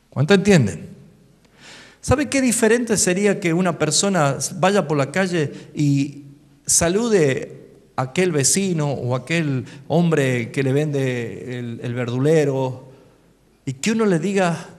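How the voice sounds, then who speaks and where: A man with an Argentine Spanish accent preaching a sermon as pastor, swinging between quiet asides and loud calls for the congregation to repeat after him. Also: a little high. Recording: long hall reverb.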